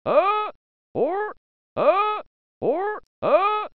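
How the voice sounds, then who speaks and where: A woman's voice: very high-pitched, very animated, extremely slow, phone-quality sound, full character voice. A woman voicing a goofy, dim-witted young dinosaur who talks in a dopey, hesitant way.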